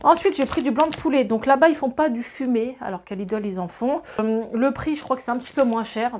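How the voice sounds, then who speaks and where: A woman in her thirties from France, chatting casually to camera about her groceries, lively with many fillers and asides to viewers. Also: on the high side, fairly quick, a little hiss or hum. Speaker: grocery haul vlogger and mother.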